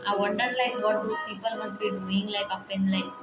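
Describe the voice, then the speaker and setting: A woman in her twenties rambles hesitantly through her personal worries in a vlog, leaning heavily on fillers and sounding quietly upset and reflective. Her voice is medium-pitched, level and brisk. The recording is muffled, made in an echoey room with music playing behind her.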